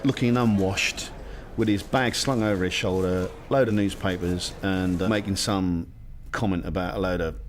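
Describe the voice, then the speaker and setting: A man's voice: low voice, fairly even intonation, normal speed, slight background noise. A man describing someone in a scornful, wry way during an interview.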